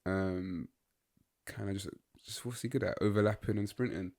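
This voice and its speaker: A man's voice: on the low side, fairly even intonation, normal speed, darkish tone. A young man, co-hosting a casual football chat and rambling through his opinions with lots of fillers. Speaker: podcast co-host.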